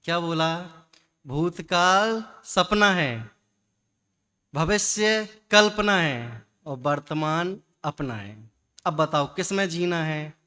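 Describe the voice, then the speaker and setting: A man giving a religious discourse, lively and full of rhetorical questions and repetition. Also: on the high side, takes it slowly. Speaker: Jain scholar giving a discourse.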